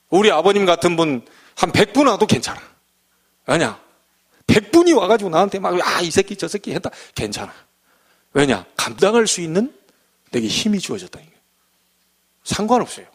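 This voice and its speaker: A middle-aged man preaching a sermon as a pastor, animated and acting out the voices he quotes. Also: high-pitched, breathy edge.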